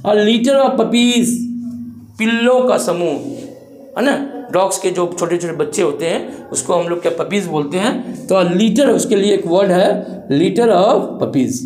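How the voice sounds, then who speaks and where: A man teaching an English grammar lesson to students in a classroom. He drags out the English phrases slowly and keeps checking in with tag questions. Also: sits high, lively intonation, darkish tone, reverberant, rough recording.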